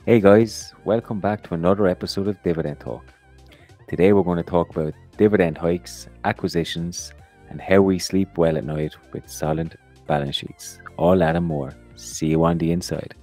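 A man hosting an investing podcast in a relaxed, casual way, often repeating his first words. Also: deep voice, normal speed, creaky, faint music behind. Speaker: podcast host.

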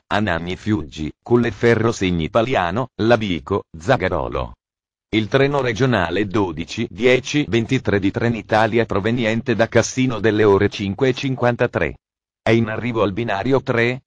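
A man reading out train station announcements in a slow, measured announcer delivery. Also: lowish voice, no echo.

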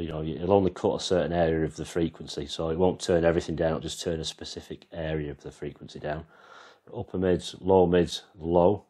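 A man's voice: a bass voice, a little mellow. An English man casually walking through his band's sound mixer, rambling and explaining as he goes, filming on a handheld camera. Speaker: vlogger and band musician. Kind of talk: casual walkthrough demo. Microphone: handheld camera, freehand.

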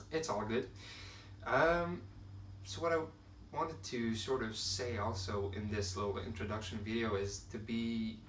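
This channel host, a young man from Quebec with French as his first language, chats casually to camera in a lowish, fairly bright voice, often using fillers and restarting while searching for words. He's recorded at home among shelves of films and games by a distant camera, giving roomy audio with faint hiss.

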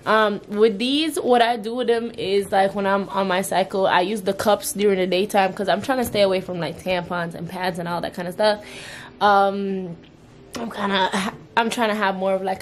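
A woman's voice: mid-range voice, slight background noise. Chatty young woman vlogging while cleaning. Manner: chatty, exclaiming, talks to viewers while cleaning. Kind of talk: casual chat. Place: bedroom at home. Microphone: camera on the bed.

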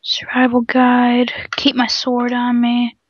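A woman playing along in a casual game session, narrating her own moves with quick alarmed exclamations. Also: a little high, completely flat delivery, muffled recording, slight background noise. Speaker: co-player. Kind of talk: casual gameplay chat.

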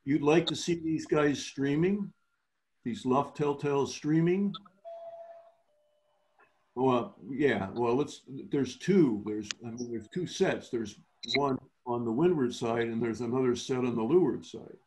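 A man's voice: mid-range voice, unhurried, a little mellow, slight background noise. Man teaching on a video call. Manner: explanatory, restarts phrases often. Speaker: sailing clinic instructor. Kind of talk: virtual clinic teaching.

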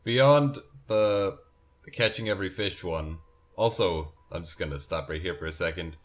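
A man's voice: sits low, a little fast, fairly bright tone. A sleepy young man rambling and correcting himself as he comments on a farming game he is playing. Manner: rambling, self-correcting, yawning. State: sleepy, yawning. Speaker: gameplay commentator.

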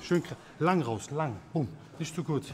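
A man's voice: on the high side, animated, a little slow, over loud music. A man in his thirties, a fight coach, giving casual instruction and commentary. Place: large busy martial arts gym.

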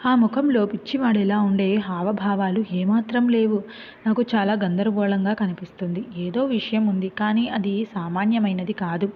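A woman narrating a first-person story in a steady, plain manner, with a tinny phone-like sound. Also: mid-range voice, slight background noise.

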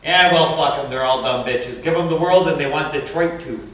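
A crude, prying stranger on a park bench rambles bluntly and vulgarly in a stage play, played by a man. His voice sits a little high. He sounds distant from the mic in a very echoey space, with faint hiss behind him. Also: normal speed, a bit bright, lightly acted. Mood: ranting. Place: stage performance.

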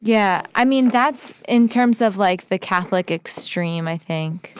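A woman hosting a live show, chatting in a quick, playful way. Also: mid-range voice, smooth. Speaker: host. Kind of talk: casual chat. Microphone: studio mic.

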